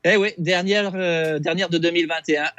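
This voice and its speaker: A man with a Québécois accent, a chef talking through a recipe on a casual radio segment, halting with many fillers and restarts over a phone line. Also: a little high, steady tone, a bit bright, no room sound. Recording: dull lo-fi phone sound.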